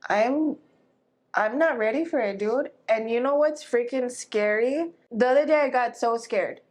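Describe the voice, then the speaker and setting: A woman's voice: on the high side, measured pace, a little mellow. A woman in her thirties co-hosting a casual chat podcast, easygoing and agreeable, with lots of fillers. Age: 30s. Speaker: podcast co-host.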